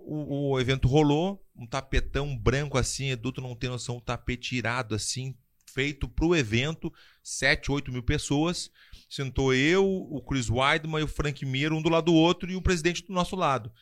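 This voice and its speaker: A man's voice: mid-range voice, moderate pace, fairly bright tone. A man telling a story in casual podcast chat, acting out quotes and laughing often. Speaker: podcast guest telling a fight-world story.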